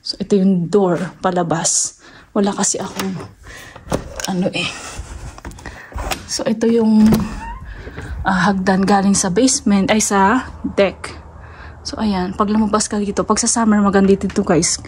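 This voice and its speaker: Touring her home for a vlog, a woman from the Philippines talks casually with a Filipino accent, pausing occasionally and slipping in English words as she moves from a large basement to the snowy outdoors. Her voice is medium-pitched, fairly even, and a little mellow, recorded handheld with plenty of noise.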